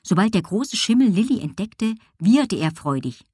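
A woman reading a children's audiobook aloud with lively storytelling. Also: medium pitch, normal speed, breathy edge, no echo, studio quality. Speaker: audiobook reader. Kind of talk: scripted narration.

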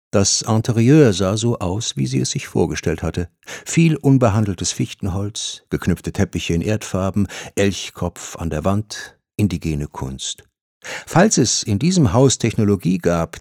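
A man reading an audiobook as narrator, telling the story in a steady, measured way. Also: fairly low pitch, dry recording, studio quality.

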